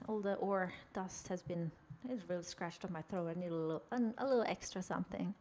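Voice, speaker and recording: Speaking fairly quickly in a lowish, darkish voice, a young Norwegian-accented woman streams a game, cracking jokes with viewers and describing her character. There's a little hiss or hum on the audio.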